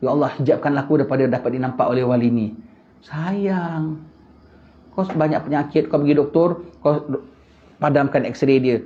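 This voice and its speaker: A man's voice: a little high, dark tone. A man giving an Islamic lecture, preaching animatedly with rhetorical questions and sudden emphatic bursts. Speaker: religious teacher. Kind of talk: Islamic lecture in casual colloquial Malay. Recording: muffled lo-fi lecture recording.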